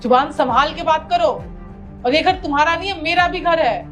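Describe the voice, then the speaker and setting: An actress playing a bossy young wife who gives her husband sharp orders. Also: high voice, normal speed, soft background music, natural voice. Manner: commanding, sharp.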